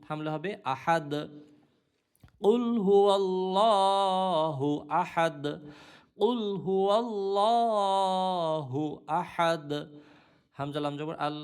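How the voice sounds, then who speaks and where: A man teaching Quran recitation, spelling out each letter and vowel mark and then chanting the verse slowly, with quick plain explanations in between. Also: on the high side, smooth.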